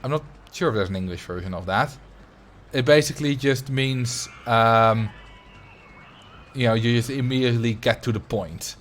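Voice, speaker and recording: This man, a native Dutch speaker from the Netherlands who grew up in Drenthe, livestreams a game while chatting in a loose, rambling way. His accent is mild but noticeable, his pitch medium and his speed normal, with slight background noise.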